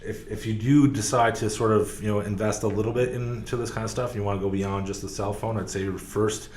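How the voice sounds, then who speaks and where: Speaking fairly quickly in a fairly low, somewhat dark voice with a steady tone, this podcast guest works in car sales. His casual interview talk wanders, full of fillers and false starts. Faint background noise and room echo are audible.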